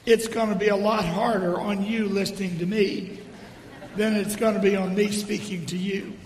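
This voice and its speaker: A middle-aged or older man giving a sermon in a hoarse stage whisper, his voice almost gone, speaking deliberately with pauses between phrases. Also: sits high, flat delivery, a little hiss or hum. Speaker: preacher. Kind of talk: sermon with storytelling and dry humour. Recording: reverberant hall.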